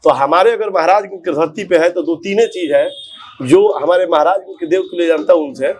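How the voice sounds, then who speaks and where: A man explains his campaign in an earnest, speech-like way, circling back to the same phrases. His voice sits a little higher than most men's. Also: moderate pace, a crowd in the background. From Bihar. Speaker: politician on a walking campaign. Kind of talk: casual conversational interview.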